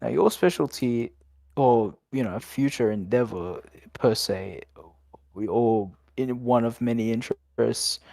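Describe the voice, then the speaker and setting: This is a young man with an Australian accent chatting late at night on a podcast, loose and rambling and quick to laugh. His voice sits at an ordinary middle pitch, and the close mic sounds dry with no room around it. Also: creaky, a little mellow, no echo. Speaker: podcast co-host. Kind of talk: casual late-night chat.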